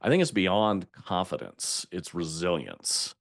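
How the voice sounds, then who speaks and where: An older man with a low voice tells stories in a lively, emphatic way and laughs at his own slips. The sound is close and dry, with hardly any room around him. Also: a little slow, vocal fry, dry recording. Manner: storytelling, emphatic, laughs at himself. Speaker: podcast guest. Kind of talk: conversational interview.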